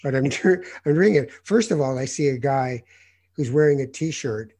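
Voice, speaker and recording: A man from North Africa, a journalist hosting an interview, telling lively anecdotes with many hesitant fillers. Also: medium pitch, normal speed, husky. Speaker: host, journalist. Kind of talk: conversational interview storytelling.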